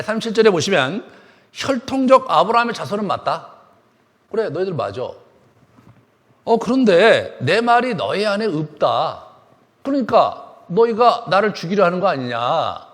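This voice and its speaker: A man preaching a sermon as pastor, acting out the words he quotes with lively delivery. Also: sits high. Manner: animated preaching, acts out quoted speech. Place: church sanctuary. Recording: long hall reverb.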